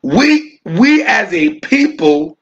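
High-voiced pastor teaching a bible study. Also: male voice, big pitch swings, gravelly, fairly bright tone, dull audio. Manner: preachy, repeats phrases, slows down to stress words. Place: church.

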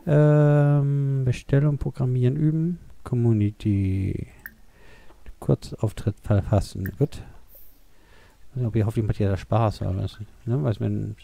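A man's voice: medium pitch, steady tone, a little slow, vocal fry, mellow. A man giving casual, rambling commentary while playing a life-simulation game, thinking aloud with many fillers. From Germany. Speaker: let's play gamer.

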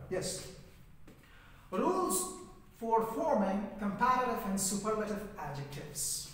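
A man with an Afghan Dari accent teaching an English grammar lesson, asking his class questions and answering them himself, spelling out words slowly. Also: high voice, fairly bright tone. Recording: echoey hall, mic far off.

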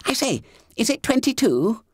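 A man voicing a fat, oblivious schoolboy who stammers and whispers, in a high squeaky voice. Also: big pitch swings, moderate pace, breathy edge, no echo, clean studio sound, heavily acted. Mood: whispering. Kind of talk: audiobook character voice.

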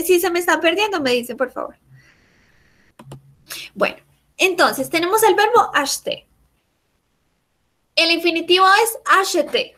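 A woman teaching a French class, patiently explaining and repeating each example slowly. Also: high voice, a bit bright.

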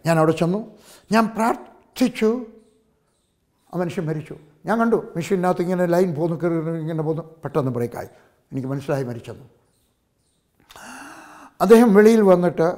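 An older male pastor preaching a sermon, telling a story that swings from hushed passages to loud exclamations and calls of hallelujah. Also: on the high side.

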